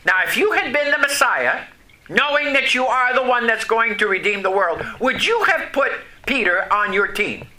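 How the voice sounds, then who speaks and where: In an extremely high, expressive voice that sounds pushed and bright, a man from Vermont, USA, who first spoke French, delivers a folksy sermon. He pauses between phrases and keeps turning to the congregation with questions, captured on a low-quality recording with a little hiss or hum.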